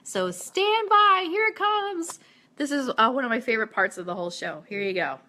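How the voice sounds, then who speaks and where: A woman hosts a casual live radio show, gushing, excitable and chatty as she shifts between banter and news items. Her voice is high-pitched and she talks at normal speed.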